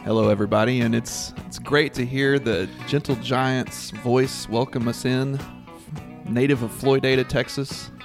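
A man's voice: medium pitch, fairly even intonation, measured pace, vocal fry, over music. A man co-hosting a sports podcast, chatting in an easygoing, conversational way. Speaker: podcast co-host. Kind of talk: casual sports podcast chat.

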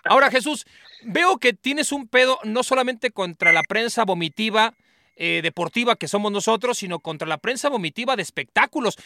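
High, bright-voiced Mexican host teasing. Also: male voice, expressive, normal speed, no echo, clean studio sound. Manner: teasing crude banter. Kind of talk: casual interview.

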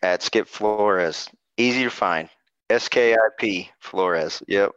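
A man's voice: lowish voice, slow, a bit bright, clear, resonant tone, no room sound, highs cut off. A man on a racing podcast crew, chatting casually and answering in short, easygoing bits. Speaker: crew analyst.

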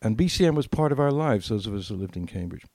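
An older man co-hosting a podcast tells anecdotes casually, acting out bits of dialogue as he reminisces. He has a lowish, slightly mellow voice, is animated, and talks fast. The recording is dry and of studio quality.

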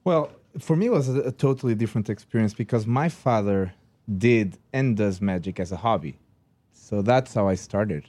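A man's voice: lowish voice, lively intonation, moderate pace, darkish tone. A man from Portugal with a Portuguese accent, a magician telling his story earnestly on a podcast. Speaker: magician guest. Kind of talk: casual podcast conversation.

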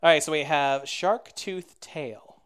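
A man's voice: on the high side, takes it slowly, a bit bright, smooth. A man hosting a casual interview, playful and joking, calling himself a nerd. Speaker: host.

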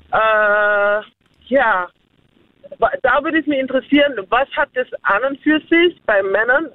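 This guest's voice sits on the high side as she gives her opinions in a relaxed conversation, rambling and repeating herself between giggles. There's no echo, just a dry, tinny, phone-like quality.

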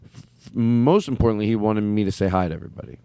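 With a low, smooth, mellow voice and a quick pace, a comedy podcast host in his thirties riffs through improvised banter. He rambles and plays around, laughing and stammering while joking. The recording has no echo.

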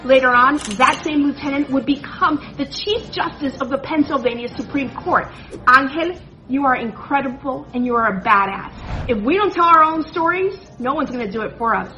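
A woman with a high, bright voice tells stories in a playful, joking way. She slips Spanish phrases into her talk. The sound is a little dull, and faint music plays underneath. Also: normal speed. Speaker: presenter. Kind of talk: playful storytelling segment.

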